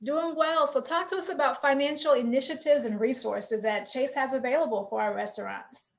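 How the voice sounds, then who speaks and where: A woman's voice: sits high, fairly quick, vocal fry. A woman moderating a virtual panel, friendly and direct as she brings in each speaker. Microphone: video call. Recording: dull, lo-fi call audio.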